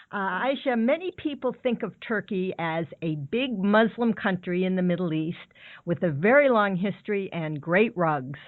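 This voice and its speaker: A woman hosting a podcast, reading a clear scripted introduction and asking questions. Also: fairly low pitch, no echo. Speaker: podcast host. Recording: dry, phone-like sound.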